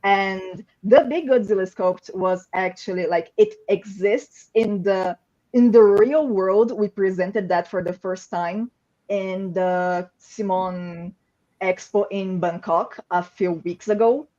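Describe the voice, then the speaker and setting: A woman excitedly explaining a product on a livestream panel, with lots of "like" fillers. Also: mid-range voice, slow, dull audio. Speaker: game company staff member.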